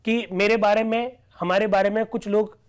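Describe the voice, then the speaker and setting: A man's voice: sits high, flat delivery, moderate pace, clean tone. A man teaching an online class who reads out old debate records and explains them, often asking whether his listeners follow.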